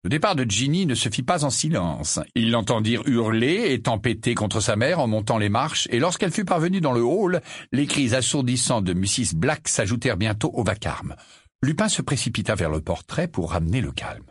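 A man reading a novel aloud as an audiobook narrator, with a measured, expressive delivery. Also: medium pitch, slightly rough, no room sound, clean studio sound. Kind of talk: scripted narration.

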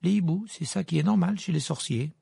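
A man voicing a cool, defiant teenage boy who answers quickly and curtly, with a gravelly, husky voice. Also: fairly high pitch, dark tone, no echo, studio quality, voice pushed up, heavily acted.

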